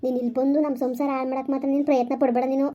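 A woman playing a frightened married village woman in a family skit, pleading desperately and talking fast. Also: sits high, little pitch movement, highs cut off, natural voice.

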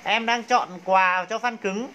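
A man's voice: high voice, fairly even intonation, a little slow, pushed and bright. A man with a Northern Vietnamese accent hosts a live clothing sale. He talks like a practised salesman, hyping the goods and coaxing viewers along. There is faint background noise on the phone livestream.

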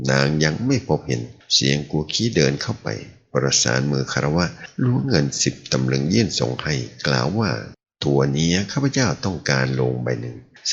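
A man reading a translated martial-arts novel aloud as the serial's narrator, telling it in an animated way. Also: very deep voice, vocal fry. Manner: animated storytelling. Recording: dull lo-fi audio.

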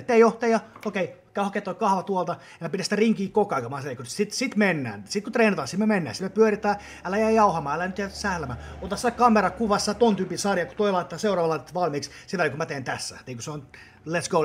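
A man's voice: high voice, lively intonation, slightly rough. A man, chatting bluntly on a podcast, swearing often and acting out what people said. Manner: blunt, swears a lot, acts out quotes loudly. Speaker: podcast host. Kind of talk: casual podcast chat.

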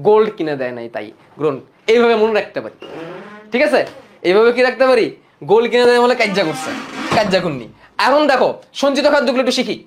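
Young guy with a bangladeshi accent teaching biology super fast, keeps quizzing and answering himself. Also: high-pitched. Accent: Bangladeshi Bengali. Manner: drills students with repeated questions and answers. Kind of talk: fast-paced exam coaching lecture.

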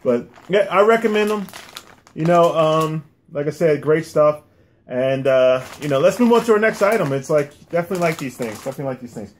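A man's voice: a little high, expressive, a little fast. A middle-aged American man hosting a casual food review, often repeating his phrases as he goes. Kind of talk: casual chat. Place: small room indoors, at a table. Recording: clear background noise and clicks.

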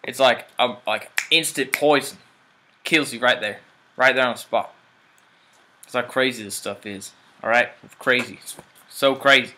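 A man's voice: mid-range voice, normal speed, bright, forceful tone, slight background noise. A young man with dip in his lip, rambling casually through a product review with lots of fillers and a mumbled delivery. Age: young adult. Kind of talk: casual vlog chat.

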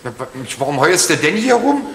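An older actor playing a stubborn, meddling retired man near seventy in a stage comedy, talking in an animated, sputtering way. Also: a little high, fairly quick, creaky, crowd noise. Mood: puzzled. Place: theater stage. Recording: echoey theater stage with audience laughter. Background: audience laughter.

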